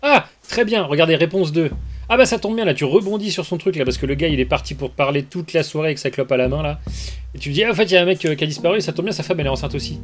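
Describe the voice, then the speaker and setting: A man with a fairly high pitch and a rapid-fire delivery streams a game, reading the dialogue aloud casually and reacting with amused asides. It's let's-play commentary recorded on a basic microphone, with faint music in the background.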